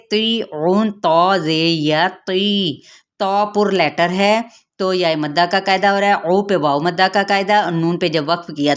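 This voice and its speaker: A woman with a Pakistani Urdu accent teaching Quran recitation, patiently explaining rules and stretching out sounds slowly to demonstrate them. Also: fairly low pitch. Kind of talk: tajweed lesson with slow demonstrations.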